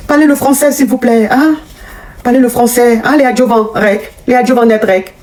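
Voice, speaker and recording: A middle-aged woman coach ranting at her online critics in a scolding, mocking, repetitive way, her voice jumping up in pitch as she gets heated. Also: steady tone, moderate pace, darkish tone. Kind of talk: angry rant on a live video.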